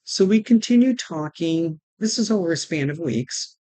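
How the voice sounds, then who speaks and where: A woman vlogger telling her personal story to camera, halting, with restarts, and retelling conversations line by line. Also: on the low side, animated, mellow, no room sound. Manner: retells conversations with "she goes" and "I'm like".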